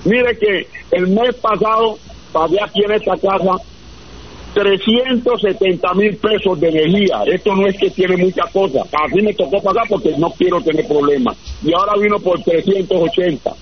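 A high-voiced man calls in to a radio phone-in show, speaking at a normal speed. Over a muffled line with faint noise, he talks earnestly and at length about local complaints.

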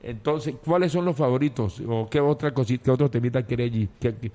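A man's voice: medium pitch, brisk, dark tone. A man co-hosting a casual football chat who asks questions and restarts his sentences often. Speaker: sports radio co-host.

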